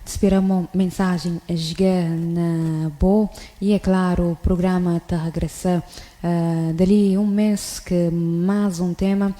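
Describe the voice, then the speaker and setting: Dark-voiced woman radio host. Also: on the low side, little pitch movement, slow, long reverb tail. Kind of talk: radio program sign-off.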